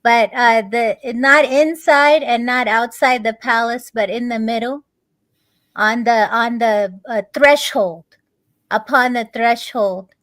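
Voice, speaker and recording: A woman, a guest in a conversation, telling a long story in a halting way, pausing on many fillers and restarts. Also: fairly high pitch, steady tone, fairly bright tone, dry recording.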